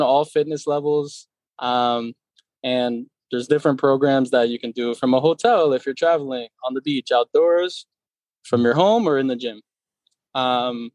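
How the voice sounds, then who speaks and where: A personal trainer in his thirties from Connecticut talks casually in an interview, relaxed and full of fillers. His voice is mid-range, with no room sound in the low-quality recording.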